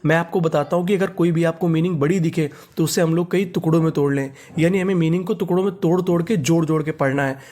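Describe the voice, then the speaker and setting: Guy teaching english words, spells them out, keeps asking what do we read, kinda high voice. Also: steady tone, fast talker, few pauses, darkish tone. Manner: repeats each word and asks "what do we read?".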